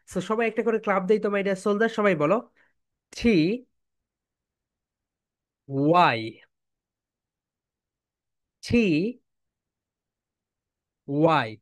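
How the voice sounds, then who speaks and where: Drilling teacher. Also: mid-range voice. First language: Bengali. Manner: keeps addressing students as "my dear soldiers", repeats phrases for drilling. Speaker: English pronunciation teacher. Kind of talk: spoken lesson with call-and-response drills.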